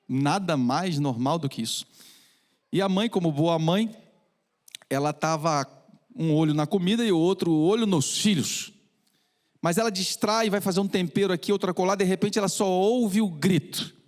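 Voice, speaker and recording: A male pastor, preaching a sermon with stories and sinking into a low, hushed tone. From Minas Gerais, Brazil. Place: church hall. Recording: reverberant church hall.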